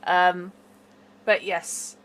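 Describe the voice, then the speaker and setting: A woman's voice: on the low side, flat delivery, extremely slow, fairly bright tone, poor audio. A woman acting as game master, narrating and chatting casually in a tabletop game on an online call. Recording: faint background noise.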